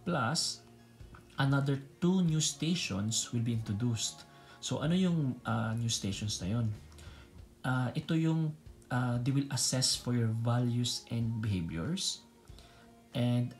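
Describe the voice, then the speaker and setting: In a small indoor room, a man in his thirties from the Philippines hosts a casual instructional vlog as a nurse educator, explaining things in a Taglish mix of Tagalog and English. Bisaya is his native language, and he has a Filipino accent. His mid-range voice moves at a measured pace, with faint music playing behind him.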